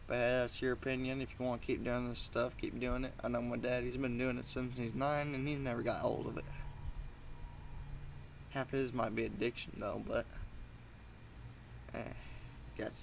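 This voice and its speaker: A young man rambles through an informal review with chewing tobacco tucked in his lip. His voice sits at an average male pitch, barely moves in melody and crackles with fry. He speaks haltingly and coarsely, over faint vehicle noise. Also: little pitch movement. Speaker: amateur product reviewer.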